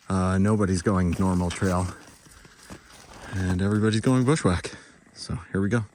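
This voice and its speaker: A man's voice: lowish voice, darkish tone. A man casually narrating a winter hike and gear review in a plain-spoken way, talking outdoors while out on a snowy mountain trail. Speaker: hiking vlogger. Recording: noisy outdoor ambience around the voice.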